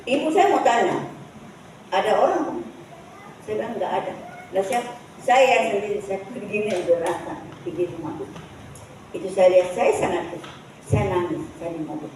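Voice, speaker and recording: A woman gives a personal testimony at a church service, speaking in a halting, repetitive way, recorded from a distance. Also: mid-range voice. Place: church hall. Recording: echoey church hall from far off, faint noise.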